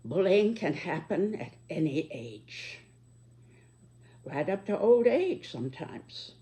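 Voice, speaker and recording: Very old, slow-speaking American woman. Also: fairly low pitch, sing-song, dark tone. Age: 90s, very old. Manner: measured, deliberate, halting elderly delivery. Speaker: speaker giving personal reflections. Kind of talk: reflective monologue.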